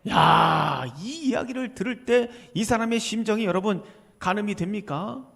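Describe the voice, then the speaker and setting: A man's voice: high voice, normal speed. A male pastor preaching a sermon, emphatic and full of rhetorical questions, dropping at times to a near whisper. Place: church sanctuary. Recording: reverberant church hall.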